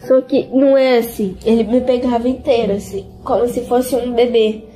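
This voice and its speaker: A teenage girl giving an emotional testimony in an interview, speaking earnestly and haltingly and repeating words over and over. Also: fairly high pitch, steady tone, warm tone, faint music behind.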